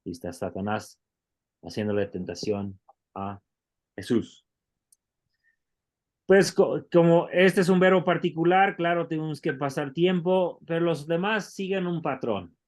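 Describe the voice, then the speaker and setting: A man's voice: on the high side, measured pace, pauses often, a little mellow. A man who teaches Greek in an online class and explains things patiently, step by step, often restarting his words.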